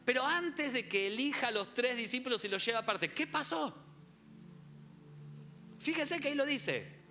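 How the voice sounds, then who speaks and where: Guy preaching to young people, animated and jokey, bright high voice, faint music behind. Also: moderate pace. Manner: animated, jokey, acts out scenes, quizzes the audience. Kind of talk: humorous youth sermon.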